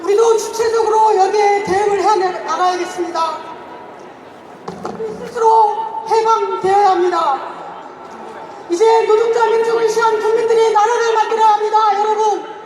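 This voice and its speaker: A man shouts a protest speech at a very high, unvarying pitch. His oratory is impassioned and forceful in delivery. He is heard from far off, echoing over a noisy crowd. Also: fairly even intonation, normal speed. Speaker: speaker at a political protest rally. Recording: distant echoey rally recording, noisy crowd.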